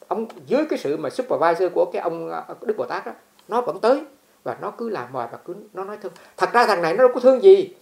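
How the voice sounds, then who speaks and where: Woman storyteller, dharma talk, low-pitched and rapid. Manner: animated, repeats words while telling.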